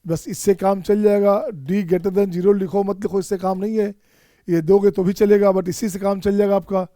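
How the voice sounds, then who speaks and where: Switching between Hindi and Indian-accented English, a man from India leads an online exam-prep math lecture, urging his "children" to solve every step on their own. He speaks at a moderate pace in a high, dark voice with flat delivery, recorded dry and clean in a studio.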